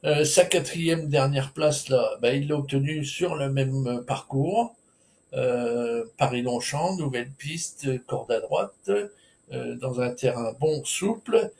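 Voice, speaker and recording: A man walks through the runners of a horse race at a slow, unhurried pace. His delivery is hesitant and informal, full of filler sounds, restarts and casual asides. His voice sits at an ordinary middle pitch. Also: vocal fry, darkish tone. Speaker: horse racing tipster. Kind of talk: solo racing preview commentary.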